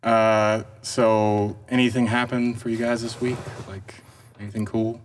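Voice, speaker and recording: A man's voice: on the low side, level tone, a little slow, slight background noise. A man from Canada hosting a casual podcast, laid-back and full of fillers. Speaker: podcast host. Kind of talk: casual chat.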